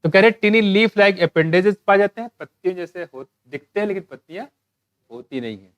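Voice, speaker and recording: A man teaching a biology exam-prep lecture, asking questions and answering them himself, reading English textbook lines slowly. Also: sits high, lively intonation, clean tone, dry recording.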